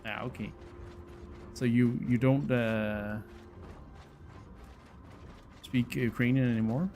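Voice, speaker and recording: Taking it slowly in a mid-range voice with fairly even intonation, a Danish man in his thirties chats informally with viewers during his game stream. He's a native Danish speaker with a Danish accent who hesitates and repeats words frequently.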